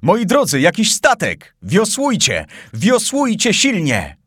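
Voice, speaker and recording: A commanding expedition leader in an audiobook adventure, calling out orders with a raised, urgent voice, as a male narrator acts him out. His tone is lively and rises above the reader's usual pitch. The reading is dry and close. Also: takes it slowly, husky, dry recording, heavily acted.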